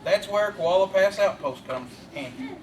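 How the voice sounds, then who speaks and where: A man's voice: high-pitched, lively intonation, normal speed. Man doing a jolly Australian outback guide. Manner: jokey, upbeat, addresses the crowd as mates. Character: cheerful outback guide man, teasing, folksy. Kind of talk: live church skit acting. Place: large hall with an audience. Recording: roomy distant live recording with audience and noise.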